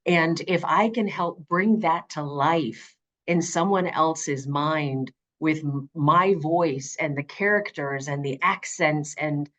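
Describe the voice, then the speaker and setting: Speaking slowly in a low voice, a middle-aged audiobook narrator chats during an interview. Her delivery is conversational but earnest, with expressive, emphatic phrasing.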